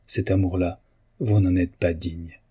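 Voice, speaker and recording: An anguished, honorable husband pours out love and wounded pride, as a man reads him in an audiobook. The voice sits low and husky, with a dark, mellow tone. It turns stern and commanding when his honor is hurt. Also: fairly even intonation, unhurried. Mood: indignant, stern. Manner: impassioned, pleading then commanding. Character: proud honest bourgeois husband, anguished and loving. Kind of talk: audiobook reading of a novel.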